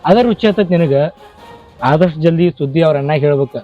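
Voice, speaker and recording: A man plays a moralizing village man with a North Karnataka accent and a somewhat high voice. He scolds and lectures, in a slightly dull recording with faint music behind. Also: fast, lightly acted. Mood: scolding. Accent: North Karnataka Kannada. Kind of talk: short-film acting.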